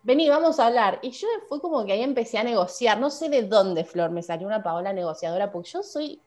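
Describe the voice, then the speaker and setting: A woman's voice: medium pitch, expressive, fast, warm tone. A woman with a Rioplatense Spanish accent, a trained announcer, telling her story casually with lots of fillers and restarts. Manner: chatty, full of fillers and restarts.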